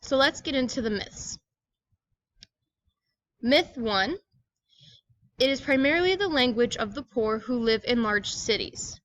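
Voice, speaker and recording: A woman's voice: fairly high pitch, expressive, measured pace, long pauses, fairly bright tone, dry recording, muffled recording. A woman giving a scripted educational presentation, reading aloud in a plain, explanatory manner.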